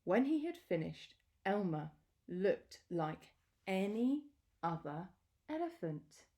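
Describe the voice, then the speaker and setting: Reading from a children's picture book, a woman speaks in a measured, expressive storytelling style with pauses, her voice in the middle range.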